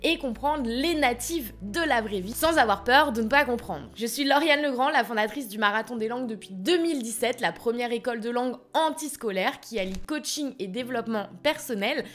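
French woman teacher, fairly high voice, energetic explainer addressing the camera. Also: fairly quick, hardly any pauses. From France. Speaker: language school founder and teacher. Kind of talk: teaching video, direct to camera.

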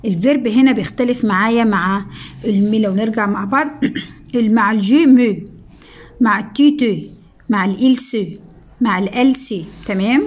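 A woman with an Egyptian Arabic accent giving a French review lesson, drawing out the French words slowly and repeating them. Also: mid-range voice. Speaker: French teacher.

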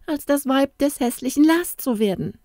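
A woman voicing a frightened young farmer's daughter, speaking high, tearful and breathless. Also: expressive, moderate pace, warm tone, no echo, clean studio sound. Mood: indignant.

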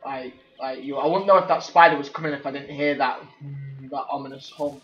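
A man's voice: medium pitch, fairly even intonation, brisk, fairly bright tone, faint music behind. A man commentating his game play, jumpy and swearing, exclaiming at every scare. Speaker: let's play gamer. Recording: echoey, slightly dull, faint noise.

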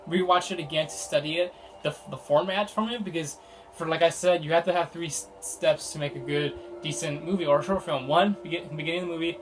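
A man's voice: fairly high pitch, steady tone, a little fast, a little hiss or hum. A young man giving a casual, rambling film review, full of fillers like "you know" and "like", and restarting his sentences often.

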